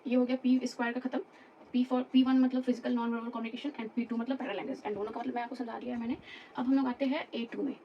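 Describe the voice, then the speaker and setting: Distant, high-pitched woman teaching a lesson. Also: level tone, fast talker, muffled recording, a crowd in the background. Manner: explains patiently, repeats terms and checks "ठीक है?". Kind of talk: classroom lecture.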